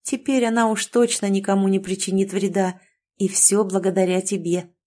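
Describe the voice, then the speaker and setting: Woman reading a kind schoolteacher, tender, encouraging, mellow voice, storybook. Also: medium pitch, little pitch movement, moderate pace, natural voice. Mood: proud. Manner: tender and praising. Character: kind young village schoolteacher, warm.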